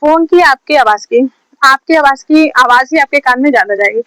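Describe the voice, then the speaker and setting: A high-voiced woman from India gives a casual home tutorial, filmed on a phone on a stand. She talks in a chatty, repetitive way, hammering each step home. The sound is dry and close, with no room echo. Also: normal speed, pushed and bright. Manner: chatty, repetitive, drills points over and over. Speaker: short-video creator teaching lip sync. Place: home, recording herself.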